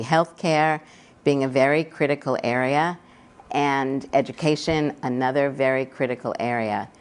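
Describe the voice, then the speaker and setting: A woman with a strikingly deep voice moderates a panel discussion. She explains in measured phrases, with halts between them.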